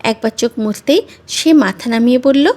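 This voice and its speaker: In a high voice, a woman gives a measured, expressive reading of a romantic story, her scripted narration advancing steadily through each scene.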